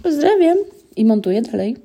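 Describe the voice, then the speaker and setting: A woman's voice: on the high side, big pitch swings, normal speed, creaky, warm tone. A middle-aged woman co-hosting a podcast in casual chat, emotional and tearful, rambling with many restarts. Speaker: podcast co-host.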